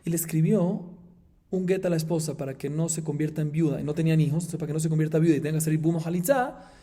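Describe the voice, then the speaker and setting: A man, a rabbi, teaching a Talmud class, explaining the text in an animated way with emphatic highs and chanting the Aramaic passages. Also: very fast. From Colombia.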